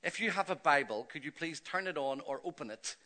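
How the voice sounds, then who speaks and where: His voice fairly high and his pace a little fast, a middle-aged pastor from Northern Ireland tells his story on a church stage in a chatty, animated way. He uses a Northern Irish accent and a self-deprecating touch throughout this stage interview and sermon.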